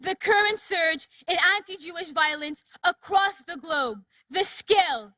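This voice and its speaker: A woman's voice: very high-pitched, animated, measured pace, bright, forceful tone, no echo. A young woman giving an impassioned, declarative speech at a rally. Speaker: rally speaker. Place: outdoor rally.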